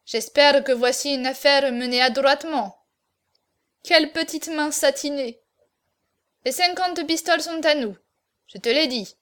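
A boisterous male swordsman from Gascony, all bluster and loud exclamations, voiced by a woman reading a novel aloud. His lines come out raised and emphatic, pitched fairly high. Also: measured pace, long pauses.

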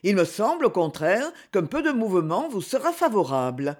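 A reader playing a proud young nobleman from a romance novel, gallant and calm. His speech is courteous and measured, with lively rises and falls. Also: mid-range voice. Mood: reassuring.

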